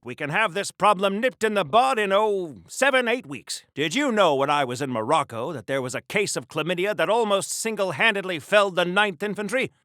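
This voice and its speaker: Bright, excitable golden age Deadpool. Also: male voice, on the high side, dry recording, studio quality. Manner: chirpy, old-fashioned, rambling, exclaims in quaint oaths. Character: earnest, awkward, prudish old-time golden age superhero. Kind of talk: mid-century hero voice acting for a video game.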